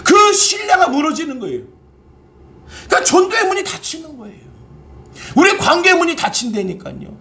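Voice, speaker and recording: A man, a pastor preaching a sermon, who fires rhetorical questions at his congregation and bursts into loud exclamations. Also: very high voice, sing-song, moderate pace, pauses often.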